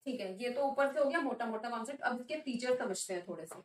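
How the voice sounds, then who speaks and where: A woman teaching a commerce lesson. She asks the class questions, answers them herself, and reads English definitions slowly. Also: on the high side. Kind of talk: classroom lecture. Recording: echoey room, a little distant.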